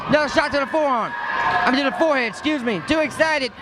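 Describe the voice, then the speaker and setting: A man doing lucha libre announcer play-by-play, excitable and calling wrestling moves in short bursts. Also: very high-pitched, fast. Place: indoor gymnasium wrestling show. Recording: noisy sports hall, loud background noise.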